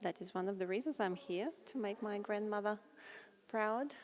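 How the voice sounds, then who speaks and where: A woman's voice: mid-range voice, moderate pace. Earnest woman. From Bulgaria. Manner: earnest, warm storytelling with fillers. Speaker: interviewee, folk dancer. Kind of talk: casual interview answers.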